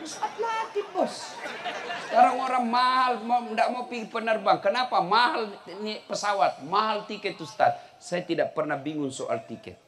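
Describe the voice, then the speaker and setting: A middle-aged man giving a humorous sermon to a live audience, telling stories and shouting the punchlines. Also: high-pitched, normal speed. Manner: animated storytelling, shouting punchlines with laughter. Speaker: preacher. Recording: live event with crowd and faint noise. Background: crowd laughter.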